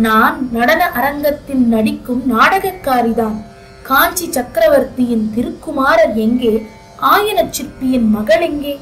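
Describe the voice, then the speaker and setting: A woman's voice: high voice, animated, a little slow, a bit bright, rough recording. A woman narrator voicing an angry, hurt young dancer who talks bitterly through her pet deer, over faint music. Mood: wounded.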